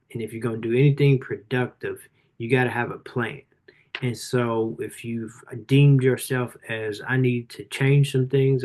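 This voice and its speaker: A man in his forties hosting a live book review, speaking casually and earnestly with a motivational tone and plenty of "you know" and "um". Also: medium pitch. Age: 40s. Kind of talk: motivational talk on a livestream.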